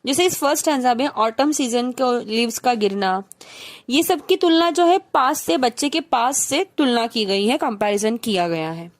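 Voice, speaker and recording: A woman's voice: on the high side, expressive, moderate pace. A woman teacher from Mumbai with a Mumbai accent, explaining a poem step by step and mixing English terms into her Hindi.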